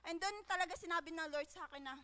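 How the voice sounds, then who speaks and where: High-voiced young woman in a hall. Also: pushed and bright. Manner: halting, with many fillers and tag questions. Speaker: church member giving testimony. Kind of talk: personal testimony. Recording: long reverb of a large hall.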